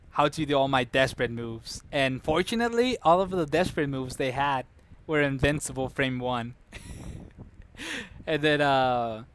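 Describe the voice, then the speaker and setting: A man's voice: mid-range voice, fairly bright tone, clear, resonant tone. A man streaming live, telling a rambling story, laughing often and correcting himself as he goes. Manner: reacts to chat mid-story.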